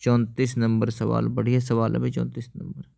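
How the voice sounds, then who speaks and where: A man's voice: medium pitch, completely flat delivery, moderate pace, creaky, dark tone. A man teaching an exam-prep lesson, explaining each answer step by step and often asking viewers to answer.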